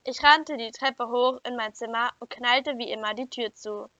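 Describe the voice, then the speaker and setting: A woman reading a first-person children's story aloud in an even, clear storytelling manner. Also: on the high side, normal speed, no room sound. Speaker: story reader. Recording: dull lo-fi dry recording.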